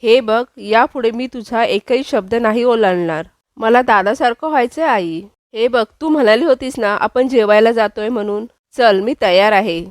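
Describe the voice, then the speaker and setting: A woman voicing an apologetic young man speaking softly to his mother. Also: fairly high pitch, normal speed, no room sound, lightly acted.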